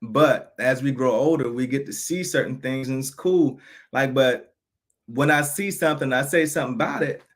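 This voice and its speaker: A frank, aggrieved vlogger in his thirties gives an unscripted personal monologue, repeatedly restarting and going back over phrases. He talks at a normal speed in a mid-range voice.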